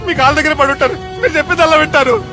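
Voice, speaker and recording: An actor playing a frightened young man who pleads desperately and shouts, in film comedy dialogue. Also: very high-pitched, rapid-fire. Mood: pleading. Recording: film soundtrack, loud music and crowd.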